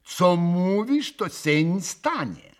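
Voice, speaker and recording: A man voicing a pompous, condescending gentleman who speaks. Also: high-pitched, big pitch swings, slow pace, pitched above the performer's own voice, heavily acted. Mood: haughty. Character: pompous middle-aged Polish gentleman, condescending.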